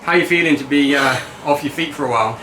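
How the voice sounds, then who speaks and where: This young man has a slightly high voice and a quick pace, with background noise around him. Holding a camera, he narrates a casual travel vlog outdoors and in a cable car, chatty and full of teasing.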